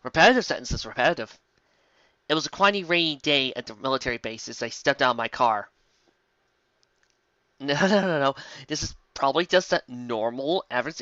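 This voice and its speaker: The host of a fanfic reading show reads fan fiction comedically, in a bright, forceful, medium-pitched voice. The theatrical, exclamatory dramatic reading is peppered with sarcastic, mocking asides. There's no echo, though the audio sounds dull.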